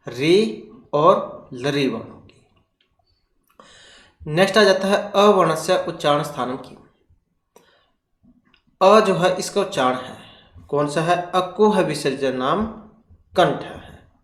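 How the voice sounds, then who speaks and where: A man's voice: a little high, fairly bright tone. A man runs an exam-prep grammar lesson. He keeps asking questions and answering them himself, and the room around him rings with echo. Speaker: teacher. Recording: echoey room.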